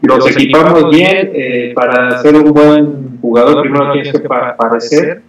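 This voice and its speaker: A man in his forties, guest in a casual interview, replying in a relaxed, agreeable way from his racket shop over a webcam. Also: mid-range voice, a little slow, echoey room, crowd noise, poor audio. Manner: relaxed, short agreeable replies. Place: indoor shop with rackets on the wall. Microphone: webcam on a video call.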